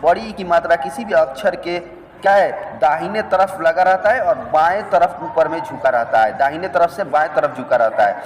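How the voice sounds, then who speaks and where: A man's voice: on the high side, normal speed, in a large hall, a little hiss or hum, rough recording. A man teaching a language lesson, patiently spelling out letters and repeating each word twice. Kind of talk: slow step-by-step script lesson.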